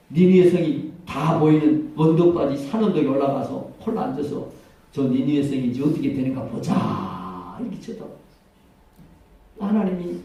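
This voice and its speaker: A male pastor preaching a sermon, telling a story in a lively, chuckling way. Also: high-pitched. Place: church sanctuary. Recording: echoey church hall from far off.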